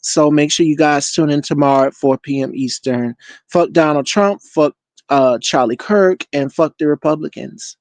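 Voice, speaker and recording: A man with a somewhat high voice speaks as a panel guest. His political talk is casual, earnest and encouraging, recorded dry without room sound. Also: moderate pace, no room sound.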